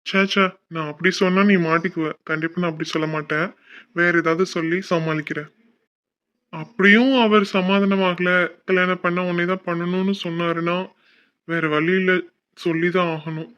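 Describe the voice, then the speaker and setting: A man's voice: sits high, steady tone, normal speed, a bit bright, smooth. A man voicing a caring older brother in a cartoon, coaxing and reassuring his sister. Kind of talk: cartoon voice acting. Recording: dull lo-fi audio.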